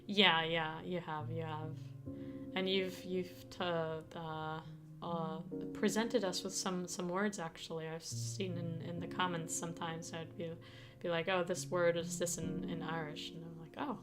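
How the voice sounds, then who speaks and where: A young woman whose native language is Danish chats casually with viewers on a live stream, giggling often and restarting her sentences, with guitar music playing behind her. Her voice is lowish and level, at a measured pace.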